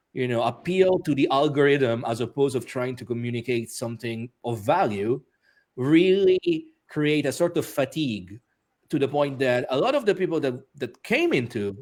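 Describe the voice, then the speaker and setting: A man's voice: medium pitch, lively intonation, normal speed, a little mellow. A man speaking as an interview guest, talking casually with many restarts and fillers and laughing often. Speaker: interview guest, author and musician.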